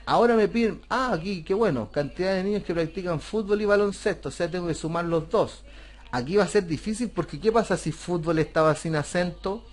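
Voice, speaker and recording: A man's voice: sits high, fairly quick. A man teaching a computer class, explaining a spreadsheet step by step and asking rhetorical questions. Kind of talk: screen-recorded software tutorial.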